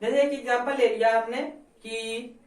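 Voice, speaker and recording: A woman's voice: fairly high pitch, fairly even intonation, moderate pace, a little mellow. A woman teaching a grammar lesson, asking questions and answering them herself and repeating the key points. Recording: echoey room, voice from far off.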